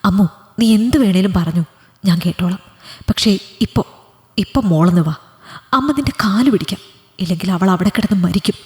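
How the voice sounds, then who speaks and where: Woman voicing a worried middle-aged mother, urgent, pleading, storybook reading, medium pitch, echoey hall sound. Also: moderate pace, darkish tone, lightly acted. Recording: long hall reverb.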